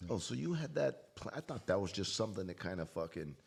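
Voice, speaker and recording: A man's voice: low-pitched, big pitch swings, fast, creaky, husky. A man co-hosting a casual podcast chat, easygoing and swearing casually.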